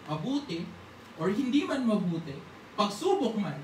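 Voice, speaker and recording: Unhurried yet very animated, a preacher with a slightly mellow mid-range voice gives a conversational sermon, repeatedly asking "di ba?" and acting out prayers. The church hall is echoey, the voice sounds far away, and there is a faint hiss.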